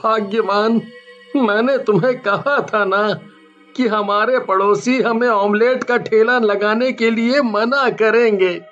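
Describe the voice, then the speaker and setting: A man's voice: high voice, fairly even intonation, slow, fairly bright tone, faint music behind. A man voicing a cheerful, kind husband and his neighbours in a story. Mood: calm. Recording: slightly dull lo-fi audio.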